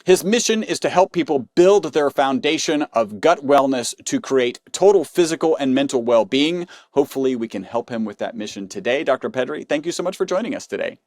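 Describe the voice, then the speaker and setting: A man's voice: mid-range voice, expressive, a little fast, hardly any pauses, a little mellow, dry recording, clean studio sound. A man hosting a health podcast, introducing his guest and asking questions in an upbeat, conversational way. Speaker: podcast host.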